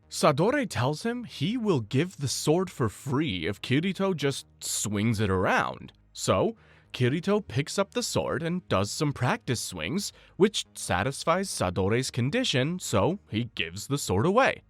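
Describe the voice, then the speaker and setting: A man reading a scripted story recap, explaining events in a steady, explanatory storytelling manner. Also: mid-range voice, dry recording. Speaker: anime recap narrator. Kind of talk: scripted narration.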